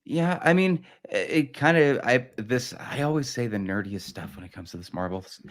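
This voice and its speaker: A man talks as a guest in a casual chat. His voice sits at an ordinary pitch, and his delivery is wry and playful. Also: expressive, normal speed. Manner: jokey, wry, laughs often.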